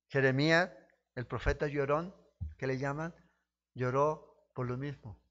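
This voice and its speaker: A male pastor delivers a sermon with impassioned emphasis, swinging from loud, high peaks down to low, quiet stretches. He speaks straight to his listeners with rhetorical questions. The recording is a little dull and lo-fi, in a mid-range voice. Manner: impassioned preaching, rising to emphatic peaks then dropping low.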